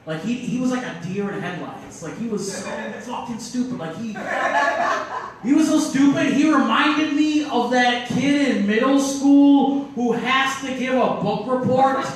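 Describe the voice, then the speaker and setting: A man with a high voice performs a stand-up set, riffing in a loose, self-mocking way. He sounds like he's some distance from the mic. The room is very echoey, with a faint hiss behind him. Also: measured pace. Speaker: stand-up comedian. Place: comedy club stage.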